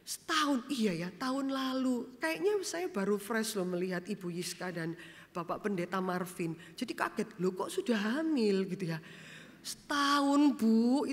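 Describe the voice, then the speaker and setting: Woman pastor, fairly high voice, lively sermon delivery, reverberant church hall. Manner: animated storytelling, acts out quoted dialogue; swings between loud emphasis and soft low asides. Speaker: vicar preaching.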